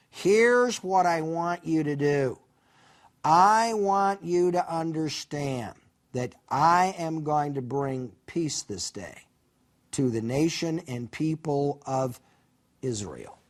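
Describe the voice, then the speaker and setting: A man's voice: fairly high pitch, very animated, takes it slowly, full character voice. A man voicing a stern, exasperated divine messenger who gives blunt orders. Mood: impatient. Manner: brusque, commanding, matter-of-fact.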